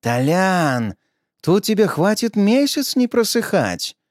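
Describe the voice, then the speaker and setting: A man voicing a sleazy, crude male tempter who mocks and goads in a low, lazy drawl. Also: big pitch swings, slow, dry recording, clean studio sound, exaggerated voice. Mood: gloating.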